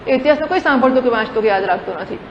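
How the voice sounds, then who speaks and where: A woman's voice: a little high, expressive, very fast. A woman spiritual teacher giving a scripture discourse, posing rhetorical questions and mixing in English words. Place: large hall at a camp. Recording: dull recording in a reverberant hall with faint noise.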